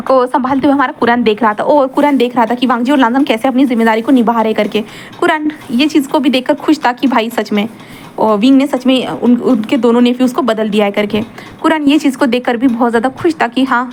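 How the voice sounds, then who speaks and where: Quick rambling young woman storyteller. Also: on the high side, slight background noise. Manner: rambling, with many fillers. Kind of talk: casual fan-fiction narration.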